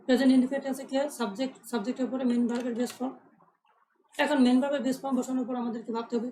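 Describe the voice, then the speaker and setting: Female grammar tutor, quick delivery, mellow tone, faint hiss behind. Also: fairly high pitch, poor audio. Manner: asks questions and answers them herself, repeats key points. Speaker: English grammar teacher. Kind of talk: explaining grammar rules step by step.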